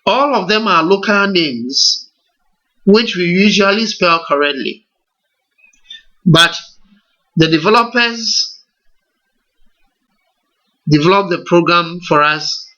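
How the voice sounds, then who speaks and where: The audio is dull, but the man's high voice comes through with lively intonation and a bright, forceful tone. He has a Ghanaian English accent and leads a screen-recorded computer tutorial slowly, step by step, throwing rhetorical questions at his learners.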